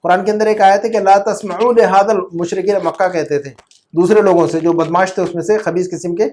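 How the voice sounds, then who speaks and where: Guy with a high voice running an arabic class, keeps quizzing students and repeating words. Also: steady tone, fairly quick, darkish tone. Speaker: Arabic teacher. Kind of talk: classroom lesson explaining Arabic grammar.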